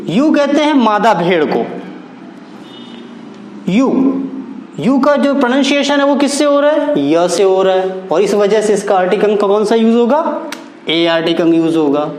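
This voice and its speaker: High-voiced teacher spelling words slowly. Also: male voice, a little mellow, echoey room, slight background noise, low-quality recording. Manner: spells words out letter by letter, slow and deliberate. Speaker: English grammar teacher. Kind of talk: classroom-style grammar lesson.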